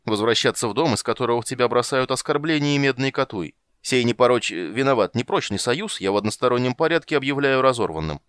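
A man voicing a flustered but charming male bard, talking loudly and breezily. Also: mid-range voice, expressive, fast, few pauses, clear, resonant tone, no room sound, voice pushed up, lightly acted. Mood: breezy.

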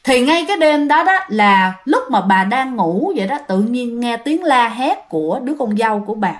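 High-voiced woman storyteller. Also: expressive, normal speed. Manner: chatty, addresses listeners directly. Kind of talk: ghost story narration.

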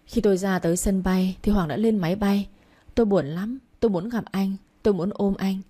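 Warm-voiced woman reading a story. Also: medium pitch, fairly quick, breathy edge. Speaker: audiobook narrator. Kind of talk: first-person story reading.

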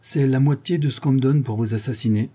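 A man's voice: mid-range voice, fairly quick, dark tone, husky, voice pushed up, close to an everyday voice. A man voicing a shifty male hired killer who speaks coldly and threateningly. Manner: cold, threatening.

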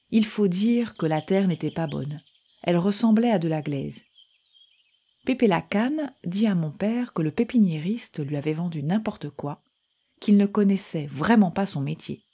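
A woman calmly reading a first-person short story aloud in a measured voice. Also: lowish voice, slightly rough.

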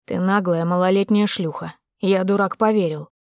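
Woman voicing cold enraged husband, clipped harsh orders, mid pitch, dry close sound. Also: steady tone, normal speed, a little mellow, dry recording, lightly acted. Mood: icy rage. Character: furious middle-aged husband, cold and menacing.

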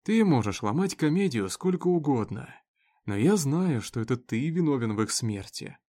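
Storybook captive, voiced by a man: predatory, mocking, unhurried drawl. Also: mid-range voice, sing-song, mellow. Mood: taunting. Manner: sly, drawling, taunting. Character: mocking, predatory male prisoner.

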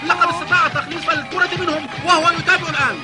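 High-pitched excitable cartoon football commentator. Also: male voice, very fast. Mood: excited. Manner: exclamatory, dramatic. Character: excitable male football commentator, full of amazement. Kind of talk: animated series sports commentary. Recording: loud music under the voice. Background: loud music.

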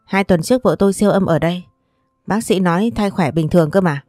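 An upset young husband, voiced by a woman reading a story presses with insistent questions. The voice is low and mellow. The sound is dry and close. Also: quick pace, dry recording, soft background music, close to an everyday voice. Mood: demanding. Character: distraught young husband, loud and demanding.

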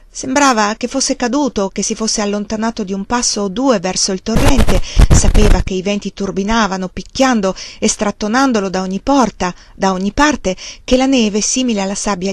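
A woman reading a novel aloud with expressive, dramatic narration. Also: medium pitch, no echo, clean studio sound. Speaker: audiobook reader.

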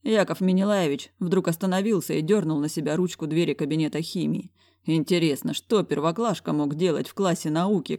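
A woman reading a first-person audiobook narration in a wry, even storytelling manner. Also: deep voice, no room sound, clean studio sound.

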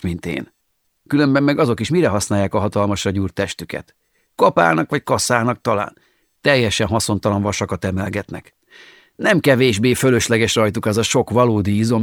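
A boastful, chatty young man who brags about his fake muscles, as a man reads him in an audiobook. The voice sits low and sounds close and dry, with breezy, bantering talk. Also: no room sound, natural voice.

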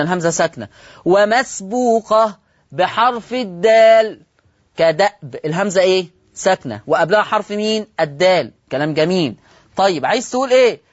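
A man with an Egyptian accent teaching Quran recitation rules in a broadcast lesson. He asks rhetorical questions, answers them himself, and slows down to stress each rule. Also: high voice, dry recording, dull audio. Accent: Egyptian Arabic. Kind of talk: televised religious lesson.

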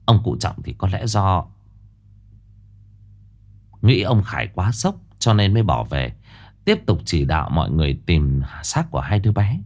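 A man narrating a ghost story in an expressive, dramatic storytelling manner. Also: low voice, normal speed, long pauses.

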